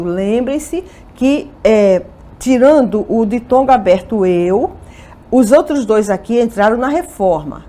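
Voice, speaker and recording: Female Portuguese teacher, fairly high voice, explains by asking and answering her own questions. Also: dark tone. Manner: explanatory, poses questions and answers them herself; checks in often with "ok?" and "tá vendo?". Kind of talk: exam-review lesson.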